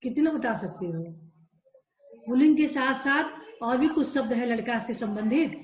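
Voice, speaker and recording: A woman school teacher leading a grammar class, slowly listing word pairs for her students. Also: a little high, lively intonation, reverberant, poor audio. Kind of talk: online Hindi grammar class.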